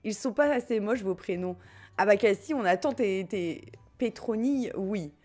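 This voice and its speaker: A woman's voice: medium pitch, expressive, normal speed, warm tone, faint music behind. A woman with a French accent chatting casually as she streams a life-sim game and reads her chat, joking and often laughing. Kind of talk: casual gameplay commentary, reading chat.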